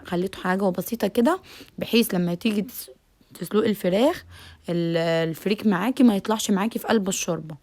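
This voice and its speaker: A fast-talking Egyptian woman walks viewers through a home recipe in a chatty, familiar way. She keeps checking in with her audience and keeps the talk moving at a quick clip. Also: medium pitch, a little mellow, a little hiss or hum. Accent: Egyptian Arabic. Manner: chatty, repeats "tamam" often, addresses viewers directly. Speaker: cooking channel host. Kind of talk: home cooking tutorial.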